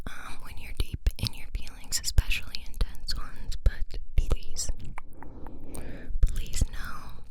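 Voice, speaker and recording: A young woman whispers an ASMR ramble close to the ear into a binaural mic, soft and breathy with wet mouth sounds, gentle, reassuring and halting. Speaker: ASMR creator. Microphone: close binaural microphone.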